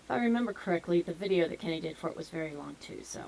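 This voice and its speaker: A woman's voice: on the low side, animated, racing, creaky, darkish tone, slight background noise, low-quality recording. A woman with a Southern US twang, a music reaction YouTuber chatting casually and playfully teasing her viewers.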